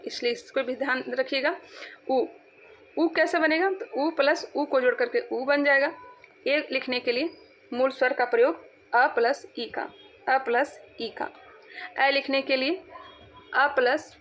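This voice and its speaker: A woman's voice: high voice, a bit bright. A woman teaching an exam-prep lesson, repeating points and quizzing her students as she goes. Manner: repetitive, quizzing, drawn-out syllables.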